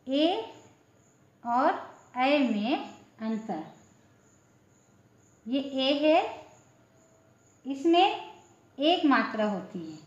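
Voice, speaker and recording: Slow, high-voiced woman teaching letters. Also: darkish tone. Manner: slow, repetitive, asks questions then answers them. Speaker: Hindi teacher. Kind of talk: classroom-style lesson explaining letters. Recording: echoey room, dull lo-fi sound.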